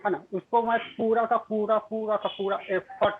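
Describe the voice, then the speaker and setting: A man's voice: high-pitched, flat delivery, moderate pace. Polite man on a tinny call line. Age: 30s. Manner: polite, says "sir" often. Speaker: training session participant. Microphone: video call. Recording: tinny phone-like call audio.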